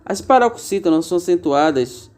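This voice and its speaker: A man teaching a grammar lesson in a patient, explanatory way, slowly stretching out each example word. His voice sits a little high and has a warm, mellow tone. He often pauses with small fillers as he works through each rule. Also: expressive. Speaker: Portuguese teacher.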